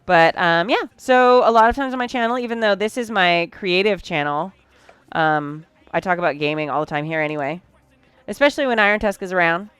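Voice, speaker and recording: A tired woman chats easily with her live-stream viewers as she sews late at night. Her voice sits a little low and sounds smooth and clear. The sound is close and dry, with faint music playing behind her. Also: fairly quick, fairly bright tone, no room sound. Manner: chatty, talks to chat while working. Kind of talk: casual live-stream chat while sewing.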